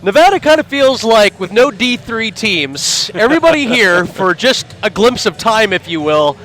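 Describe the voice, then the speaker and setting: Color commentator, man, high-pitched, jokey and self-deprecating, courtside at an arena. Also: big pitch swings, normal speed, fairly bright tone, faint music behind. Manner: joking, self-deprecating asides. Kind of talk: live basketball commentary. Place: arena broadcast position.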